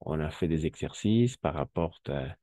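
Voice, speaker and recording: A man's voice: very deep voice, lively intonation, a little slow, mellow, no echo. A man teaching a French class, patiently explaining and repeating key words and checking that students follow. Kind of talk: live language class explanation.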